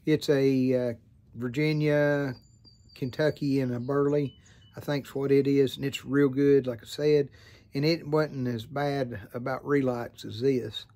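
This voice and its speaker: A man's voice: mid-range voice, fairly even intonation, mellow. Folksy Southern American man, chatting casually. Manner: unhurried, folksy, rambling. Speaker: vlogger and hobby pipe maker. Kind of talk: casual chat to camera. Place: outdoors by a farm field.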